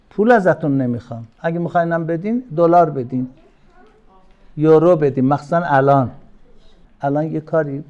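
An older man teaching a religious class, telling personal stories and stressing his points by slowing down and suddenly raising his voice. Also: mid-range voice, vocal fry, highs cut off. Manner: warm storytelling with sudden loud emphatic lines; slows down and stretches key words. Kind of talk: informal religious talk to a class.

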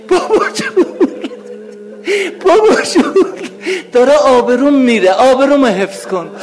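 A man preaching who acts out a desperate grown man pleading with a father figure for help, in a high, strained, tearful voice.

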